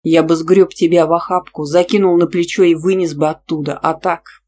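A reader voicing a brash young male dragon shifter who talks gruffly and insistently. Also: on the high side, flat delivery, moderate pace, darkish tone, lightly acted. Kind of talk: audiobook character voice.

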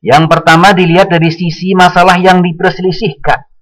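A man giving a religious study lecture, speaking in a measured way and quoting Arabic passages. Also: sits high, flat delivery, fairly bright tone, rough recording. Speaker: Islamic teacher.

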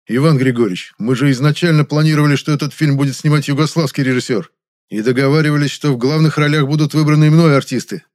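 A man's voice: a little high, fairly even intonation, quick pace, a little mellow, pitched above the performer's own voice, lightly acted. Man doing a defiant young film producer. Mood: indignant.

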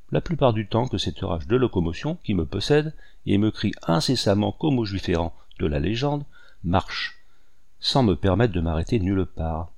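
A man voicing a wry, modest old hunter in a storybook reading, with a low voice. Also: gravelly, darkish tone. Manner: amused, modest.

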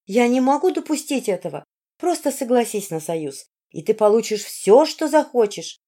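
A woman's voice: a little high, big pitch swings, normal speed, dark tone, pitched above the performer's own voice. A woman reading an audiobook, voicing a manipulative young princess who scolds and coaxes. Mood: coaxing. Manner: reproachful, coaxing. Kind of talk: audiobook character voice.

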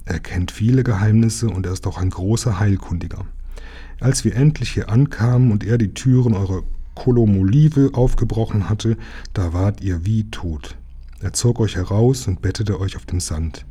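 A man reading aloud, voicing a friendly, proud young mermaid princess in a gentle, earnest way. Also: lowish voice, moderate pace, slightly rough.

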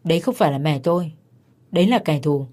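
A man's voice: on the high side, lively intonation, quick pace, a little mellow, close to an everyday voice. A woman voicing a jealous young husband who berates his wife with contempt and accusations. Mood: furious.

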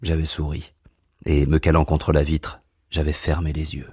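A man giving a literary reading in a hushed, measured way. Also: very deep voice, monotone, slightly rough, no echo, clean studio sound. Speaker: reader of a novel.

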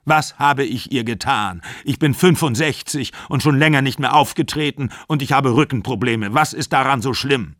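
A man playing a furious, wounded aging actor in his sixties who shouts bitter accusations down the phone. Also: medium pitch, expressive, moderate pace, no room sound, studio quality, natural voice.

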